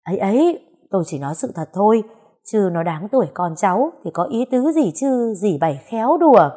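A woman's voice: medium pitch, big pitch swings, a little fast, warm tone. A woman voicing a lecherous middle-aged man who wheedles and makes excuses. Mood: wheedling.

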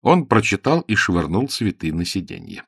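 A man narrating an audiobook with expressive storytelling. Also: low-pitched, normal speed, gravelly, slightly rough, no room sound, studio quality.

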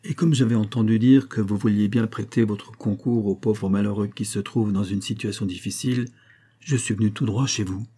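A man's voice: fairly low pitch, steady tone, normal speed, dark tone, breathy edge. A man reading an audiobook, voicing an indignant middle-aged red-haired pawnbroker telling his story. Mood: aggrieved.

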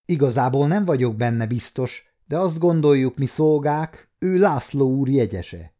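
A man's voice: mid-range voice, expressive, dark tone, pitched above the performer's own voice, close to an everyday voice. An adult man voicing an old, anxious, talkative male servant who pleads fearfully.

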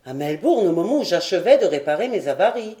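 A woman's voice: on the low side, big pitch swings, fast, warm tone, roomy sound. A woman doing a bewildered old sailor. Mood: insistent.

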